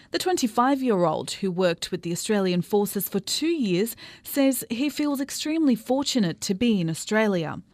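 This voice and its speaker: A woman reporter reading a scripted news report in a measured, even way. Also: mid-range voice, dry recording.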